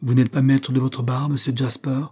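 A man's voice: medium pitch, flat delivery, normal speed, mellow, husky, close to an everyday voice. A man voicing a brave, resolute woman traveler in an audiobook, in a raised, pleading voice. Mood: calm.

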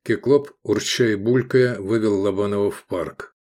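A man reading an audiobook novel in an even, measured way. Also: on the low side. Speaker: audiobook reader. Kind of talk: scripted narration.

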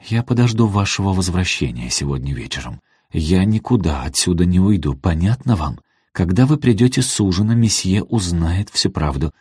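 A man's voice: deep voice, lively intonation, moderate pace, darkish tone, slightly rough, no echo, clean studio sound, heavily acted. A man reading an audiobook, voicing an indignant housekeeper who scolds her mistress. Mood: cold. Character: angry accusing female housekeeper.

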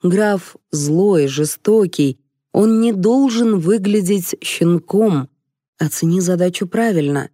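A woman's voice: on the low side, animated, slow, dark tone, no echo, studio quality. Woman doing a lecturing male crew member.

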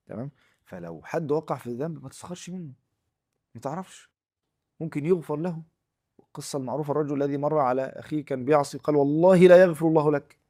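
Fast-talking Egyptian preacher, emphatic. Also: male voice, a little high. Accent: Egyptian Arabic. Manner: emphatic, swings from loud stress to near-murmur. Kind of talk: Quran commentary lecture.

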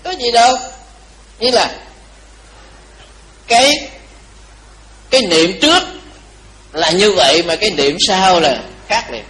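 A man's voice: high voice, lively intonation, takes it slowly, long pauses, pushed and bright, low-quality recording. A man, a Buddhist monk giving a dharma talk, telling a story animatedly and teasing his audience with questions.

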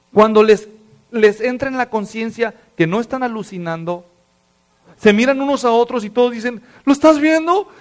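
A man preaching a sermon, telling stories with lively acted voices and dropping to hushed, serious tones. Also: sits high. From Mexico. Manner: animated storytelling, acts out voices, drops to hushed tones. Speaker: pastor.

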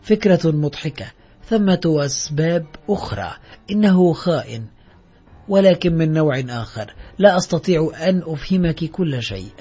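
A man's voice: a little high, expressive, moderate pace, dark tone, husky, soft background music. A male narrator voicing a bitter, defiant fugitive man in a terse, brooding way. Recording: dull lo-fi audio.

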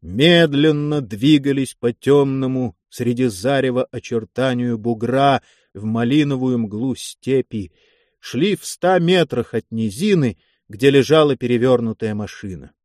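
Male audiobook narrator, measured dramatic reading, mid pitch, dry sound. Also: darkish tone, dry recording. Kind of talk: scripted narration.

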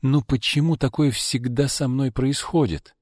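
A man voicing a timid young woman, a nursing student, speaking softly and hesitantly. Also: medium pitch, fairly even intonation, measured pace, no echo, clean studio sound, voice pushed up, natural voice.

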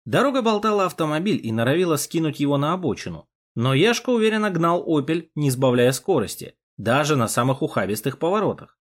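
A man narrating a war story in the first person, expressive and dramatic. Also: fairly high pitch, fast talker, hardly any pauses. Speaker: audiobook narrator.

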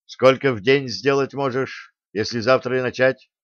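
A man voicing a gruff, grumpy elderly male pensioner who speaks in curt grumbles. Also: mid-range voice, steady tone, moderate pace, fairly bright tone, dry recording, natural voice. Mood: curious. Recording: dull dry recording.

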